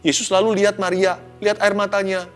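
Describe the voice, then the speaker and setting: A male pastor, giving an expressive devotional sermon that swings from hushed to loud and mixes in English phrases. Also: high-pitched, fairly quick. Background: soft background music.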